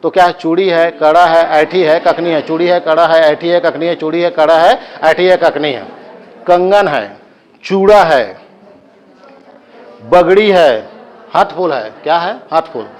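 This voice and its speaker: A man's voice: a little high, a little slow. A male coaching teacher with a Chhattisgarhi accent, giving a live class lecture, drilling students with chanted repetition and joking asides.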